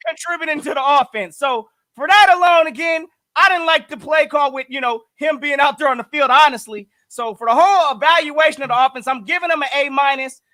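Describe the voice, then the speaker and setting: A man with a very high, bright, forceful voice co-hosts a casual sports talk show. He talks in an emphatic, hyped-up way. The recording is dry and close. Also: fairly quick, hardly any pauses, no echo. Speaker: podcast co-host.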